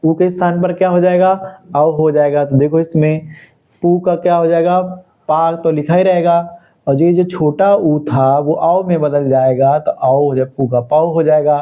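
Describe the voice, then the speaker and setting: A man's voice: a little high, fairly even intonation, measured pace, narrow, tinny audio. A male teacher giving a Hindi grammar lesson to exam students, explaining step by step as he writes, and asking questions then answering them himself. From India. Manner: repetitive call-and-response questioning.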